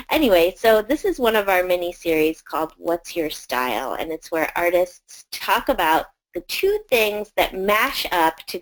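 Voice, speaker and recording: A woman's voice: medium pitch, low-quality recording. A woman presenting a collection of arts education videos to teachers, in a conversational way with frequent fillers.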